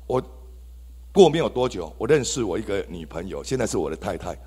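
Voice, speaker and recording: A man's voice: lowish voice, sing-song, fairly quick, mellow, slightly rough. A man with a Taiwanese Mandarin accent giving an exclamatory testimony to a church congregation, addressing the listeners directly. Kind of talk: testimony sermon. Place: church hall. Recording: reverberant church hall.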